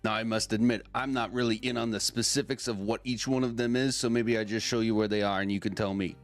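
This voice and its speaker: A man's voice: on the low side, steady tone, quick pace, dry recording, soft background music, close to an everyday voice. Man playing a sly, burly tough-guy shopkeeper. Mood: obliging. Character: big burly shady shopkeeper, discreet and streetwise. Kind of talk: role-play in a tabletop game.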